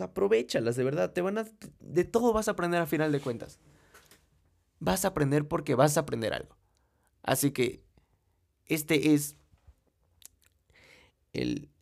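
A man's voice: fairly high pitch, vocal fry, a little mellow. A young man with a Mexican accent giving a blunt, profane motivational monologue straight to the listener. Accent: Mexican Spanish. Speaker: motivational speaker.

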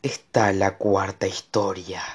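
A man voicing an ancient yew tree monster that speaks in a slow, measured, insistent way. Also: low voice, flat delivery, breathy edge, exaggerated voice. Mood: solemn.

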